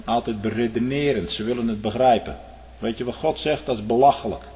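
A male preacher delivers a sermon in a large church hall, his voice carrying on a long reverb. He surges into loud, high-pitched exclamations and then sinks to hushed, low remarks. He turns to his listeners with a questioning "hm?" and speaks directly to the young people in the pews. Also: a little fast. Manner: swings between loud high outbursts and low quiet asides; tags lines with a questioning "hm?".

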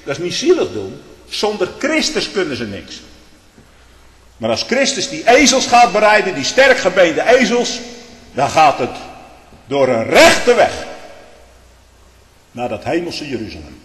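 Fervent lay preacher, male, animated pitch, swings between booming and hushed, big reverberant hall. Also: normal speed. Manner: impassioned, swings from loud to hushed, repeats tag questions. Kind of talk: fervent religious testimony. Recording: echoey hall with long reverb.

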